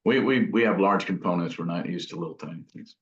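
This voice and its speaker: A guitar amp builder, interviewed as a guest craftsman, answers casually in a low voice at a quick pace, thinking aloud and correcting himself. The sound is roomy, dull and lo-fi.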